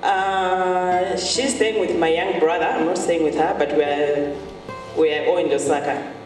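A woman's voice: fairly low pitch, fairly even intonation, measured pace. A woman from Zambia, giving an earnest church testimony and repeating key phrases for emphasis. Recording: echoey hall, far from mic, music behind. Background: music.

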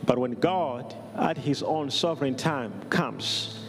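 A man, middle-aged, giving a solemn funeral address as a preacher, with measured phrases and deliberate pauses. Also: mid-range voice. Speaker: preacher, bereaved father. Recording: long hall reverb, music behind. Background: music.

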